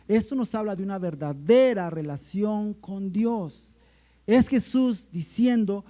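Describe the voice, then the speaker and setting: A middle-aged man preaching a sermon to his church, swelling into emphatic lines and slowing to stretch out key words. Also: high-pitched, dark tone. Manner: preaching with surging emphasis and slowed, stretched phrases. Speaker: pastor. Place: church service.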